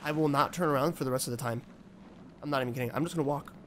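A man's voice: mid-range voice, rapid-fire, fairly bright tone, a little hiss or hum. A young man streams a horror game in a casual, jittery mutter, often repeating himself and cursing. He sits at a close mic indoors, with faint game ambience behind him. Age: 20s. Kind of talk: casual live gameplay commentary. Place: small indoor room, seated at desk.

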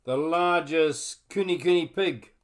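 A man with a New Zealand accent reading a children's story aloud in an expressive way, then speaking to a church congregation. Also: a little high. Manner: expressive storytelling, drawn-out phrasing.

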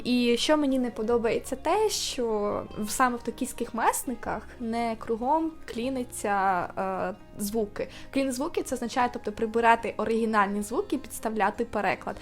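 Chatty woman, highish voice, loose slangy talk full of fillers, faint music behind. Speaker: booktube co-host. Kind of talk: casual review chat.

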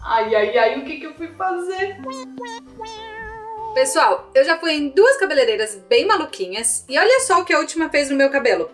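High-pitched, animated Brazilian woman host. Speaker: host of a children's channel, playing the customer. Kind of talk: children's pretend-play skit, talking to viewers. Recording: echoey room, faint music behind.

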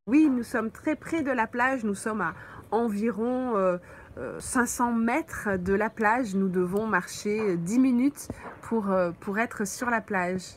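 Slow, patient French teacher woman. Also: a little high, slight background noise. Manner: slow, patient, thinks aloud with many fillers. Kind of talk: live stream answering viewer comments. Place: mobile home on holiday.

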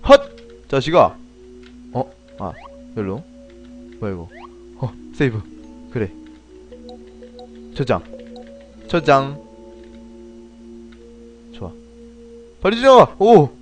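A man playing an indie game on stream, commenting as he goes, yelping and shouting at tense moments and reading the story lines aloud. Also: medium pitch, drawn-out words, pauses often, faint music behind. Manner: excitable, yelps and shouts during play. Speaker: gameplay streamer. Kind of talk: let's play commentary with read-aloud dialogue.

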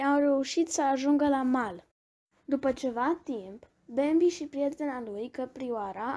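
A woman reading a bedtime story aloud, gentle and expressive, with small restarts. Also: sits high.

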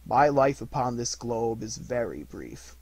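A man voicing a solemn, sorrowful spirit, declaiming slowly and loudly. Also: medium pitch, big pitch swings, husky, heavily acted. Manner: loud, slow and declaiming.

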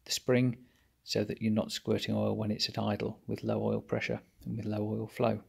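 A man's voice: lowish voice, little pitch movement, normal speed, vocal fry, darkish tone, breathy edge. A man narrating a workshop how-to, explaining each step plainly while he works at a bench. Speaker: engine rebuilder.

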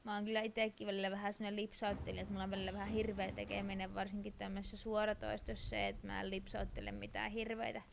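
A woman's voice: medium pitch, flat delivery, few pauses, noisy background. A Finnish woman streaming a video game, chatting casually and answering her viewers' chat as she plays. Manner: chatty, reads and answers chat while playing. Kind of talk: casual let's-play chat. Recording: clear game sound behind.

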